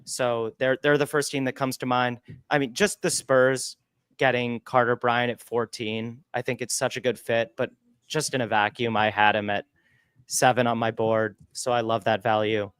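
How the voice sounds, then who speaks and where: A man's voice: medium pitch, flat delivery, normal speed, a bit bright, clean tone, dry recording. A man co-hosting a livestreamed podcast, giving upbeat, analytical draft takes into a close microphone. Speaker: podcast co-host.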